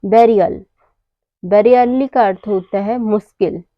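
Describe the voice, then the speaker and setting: Slow, careful woman teaching English words. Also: mid-range voice, no echo, dull audio. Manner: asks and answers her own questions. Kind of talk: slow explanatory lesson.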